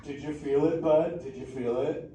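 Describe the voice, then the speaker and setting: A man plays a mellow, surfer-drawling sea turtle, stoked as he banters with a theater crowd during an indoor show. His fairly high voice holds a steady tone at normal speed, close to how he'd normally talk, though the audio is distant, echoey and noisy.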